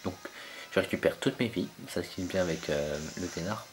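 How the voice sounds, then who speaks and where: A man's voice: sits low, normal speed. A young man commentating his own online battle game match, hesitant and full of fillers as he searches for names.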